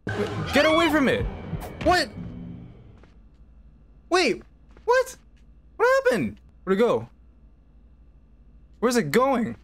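A woman's voice: high voice, wildly swooping pitch, slow pace, long pauses, breathy edge, soft background music. A woman hosting a gaming channel, giving casual, sarcastic and bemused commentary and laughing often.

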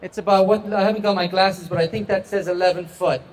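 A middle-aged man from the west of Ireland, speaking with an Irish accent, demonstrates a product live into a handheld mic in a large trade show hall. His voice sits high with fairly even intonation, and he talks fast. He comes across as chatty and self-deprecating.

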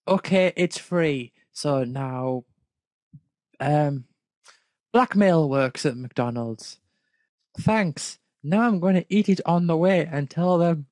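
Someone reads fan fiction aloud with amusement, breaking off to question and poke fun at the text off the cuff. The voice is medium-pitched, expressive, slow and a little mellow, in a dry recording.

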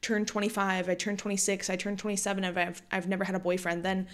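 This late-twenties woman runs a solo podcast and talks fast in a medium pitch with flat delivery. She's chatty all the same, using "like" as a frequent filler.

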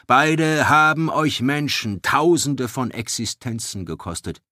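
A man voicing a proud male elf who speaks in a cold, measured way in an audiobook. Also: mid-range voice, lively intonation, bright, forceful tone, no room sound, studio quality, pitched above the performer's own voice.

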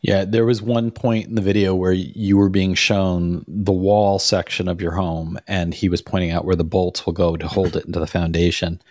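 Speaking low and flat at an ordinary pace with few pauses, this podcast co-host, a man in his forties, keeps the chat casual and laced with wry jokes. His tone is darkish and there's no echo. He records at home into a studio mic with a pop filter, in a room with a door and a framed picture.

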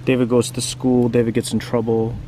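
With a medium-pitched, warm but monotone voice, a man reads to kids briskly and casually, often quizzing the listener with questions and tag questions. He's a children's book reader and teacher, and a little hiss or hum is audible.

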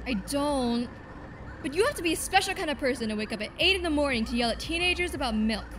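A woman's voice: sits high, lively intonation, fast talker, a bit bright, a little hiss or hum. A woman playing a brash, sarcastic detective. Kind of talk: comedic student film acting.

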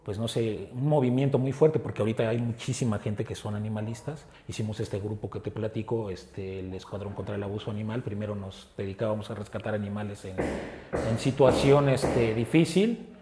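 A man with a Mexican Spanish accent, an animal rescuer, talking earnestly in an interview and often pausing on filler words. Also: lowish voice, noisy background. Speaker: animal rescue group founder. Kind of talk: casual interview talk. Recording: roomy echo with faint ambience.

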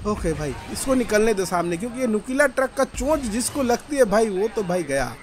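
Young male gaming streamer, very high voice, frantic repetitive outbursts during play. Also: big pitch swings, brisk. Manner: loud frantic outbursts, repeating phrases. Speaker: gaming YouTuber. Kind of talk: excited Hindi gameplay commentary.

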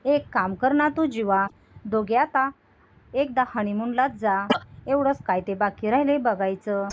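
A woman voicing a hurt, jealous young woman, reading her taunting lines in a slightly high voice. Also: unhurried, muffled recording, close to an everyday voice. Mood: bitter taunting. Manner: bitter, taunting retelling.

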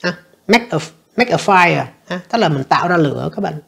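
Low, gravelly woman teacher. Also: expressive, fairly bright tone. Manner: explains each answer step by step, reading English lines slowly. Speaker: English teacher. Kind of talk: exam review lesson.

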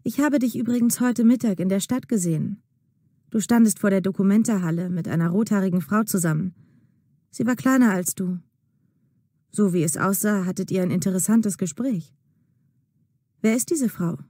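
A woman reading a wife who will not let go of her questions, voice lifting higher as she presses. Mellow tone, dry close sound with no room behind it. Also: moderate pace, long pauses, no echo, natural voice. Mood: probing. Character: suspicious, insistent wife questioning her husband. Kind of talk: acted dialogue in a learner audio drama.

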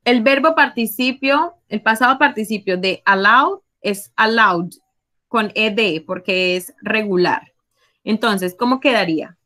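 Slow, patient woman teaching a class. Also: mid-range voice, bright, forceful tone. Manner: patient, explains step by step and prompts students. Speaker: English teacher. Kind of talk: online class explanation.

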